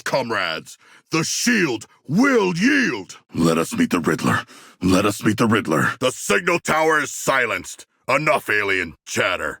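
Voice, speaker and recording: A man's voice: medium pitch, pushed and bright, no room sound, clean studio sound, exaggerated voice. A man playing a huge shark-man warrior in a video game, earnest and literal-minded, proudly ferocious, speaking in formal, stilted, grandiose phrases. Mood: battle fervor. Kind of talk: video game character voice lines.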